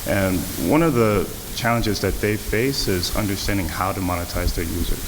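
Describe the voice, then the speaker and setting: A man, a startup founder, speaking in a brisk and focused way on a panel. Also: sits low. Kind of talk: panel discussion answer. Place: event hall. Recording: echoey hall with clear hiss.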